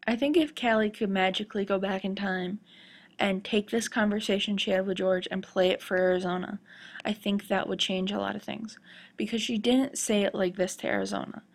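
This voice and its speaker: A woman with a slightly gravelly, husky voice from a sore throat presents podcast commentary. She explains her points in a measured way, at a middle pitch. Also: steady tone. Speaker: podcast host. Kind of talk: scripted-sounding TV fan commentary podcast.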